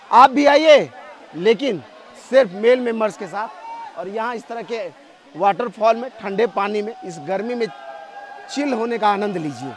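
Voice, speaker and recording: A high-voiced man delivers on-location travel vlog commentary outdoors on a forest trail by a waterfall. He's lively, speaks straight to viewers, and chats with passers-by while a walking companion films him on camera.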